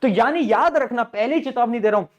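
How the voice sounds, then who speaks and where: A man with a high voice talks students through a study plan like a teacher, asking a question and answering it himself. He is informal and direct and calls them "beta". His delivery stays coaxing and plain, aimed straight at the class. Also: fast talker. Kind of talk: study-planning advice to students.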